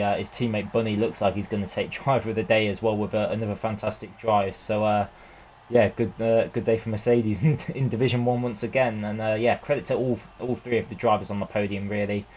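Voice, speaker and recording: A man's voice: fairly low pitch, little pitch movement, darkish tone, a little hiss or hum. A man giving casual post-race analysis, hesitant and full of fillers. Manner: halting, full of ums and restarts. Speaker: co-commentator.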